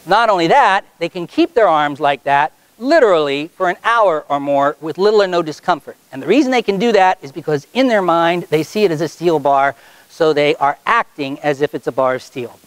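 A middle-aged man runs a hypnosis show in a school auditorium. His voice sits high, and the sound is dry and close. He chants rhythmic, insistent suggestions and then explains them calmly to the crowd. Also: a little fast, smooth, no room sound. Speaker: stage hypnotist.

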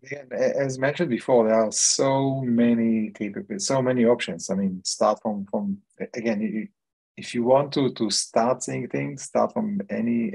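A middle-aged man, hosting a meetup panel over a video call, speaking haltingly with many fillers and restarts. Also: medium pitch, vocal fry, mellow, slightly rough, low-quality recording. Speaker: meetup host. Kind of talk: casual panel chat.

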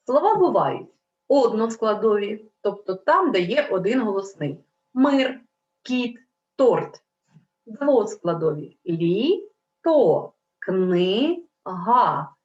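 Woman schoolteacher addressing children, unhurried and melodic, in a roomy, slightly dull recording. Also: mid-range voice. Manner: slow, clear, drawn-out word dictation. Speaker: primary school teacher. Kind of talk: Ukrainian language lesson for children.

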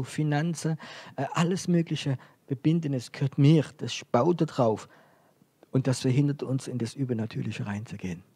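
A man with a French accent preaching a sermon, dropping to near-whispers and rising to loud, repeated emphasis. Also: medium pitch, slightly rough, no room sound. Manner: swings from hushed, near-whispered lines to loud emphatic repetition.

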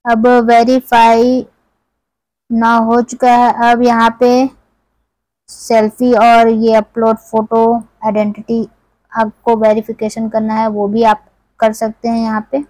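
A woman from India with a higher voice explains an app step by step in a steady, level tone. She speaks straight to her viewers in a casual way. The recording is dry and close, with no room sound. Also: slow, no echo, low-quality recording. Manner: step-by-step, conversational, addresses viewers directly. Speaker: tech tutorial channel host. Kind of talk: screen-recorded app tutorial.

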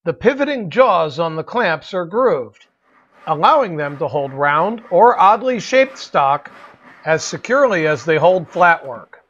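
A man reading a scripted product advertisement in a smooth, even sales voice. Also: a little high, a little slow, highs cut off. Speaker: product ad voice-over. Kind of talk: scripted ad narration.

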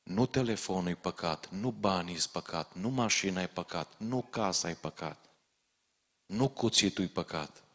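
Male preacher with a low, deep voice, urgent and warning, recorded in a reverberant church hall. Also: fairly bright tone. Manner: urgent, direct warnings to the congregation. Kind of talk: sermon.

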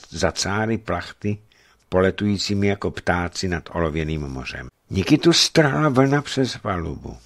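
A man reading a novel aloud for radio with expressive storytelling narration. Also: low voice. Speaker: reader.

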